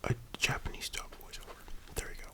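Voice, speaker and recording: An ASMR host speaking in a breathy library whisper, rambling casually and giving opinions. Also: fairly quick.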